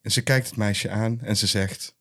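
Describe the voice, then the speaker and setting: A man's voice: on the low side, fairly even intonation, moderate pace, a bit bright. A man co-hosting a podcast, narrating an improvised story in short, scene-by-scene sentences. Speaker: podcast co-host.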